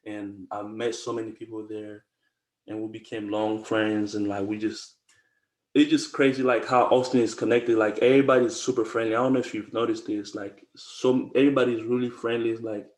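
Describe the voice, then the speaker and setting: A young man from the Congo in his twenties talks in a low, relaxed way, circling back over his words with slang and many restarts. His voice carries a noticeable room echo, as if recorded in a bare space. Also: brisk. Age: 20s. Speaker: podcast guest. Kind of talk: casual conversation.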